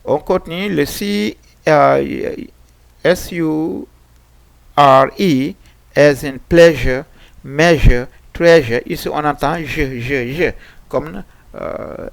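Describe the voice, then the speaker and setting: Slow, gravelly male pronunciation teacher. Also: medium pitch, dry recording. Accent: West African French. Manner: slow, repeating example words many times; frequent hesitation fillers. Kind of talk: French-language pronunciation lesson on English sounds.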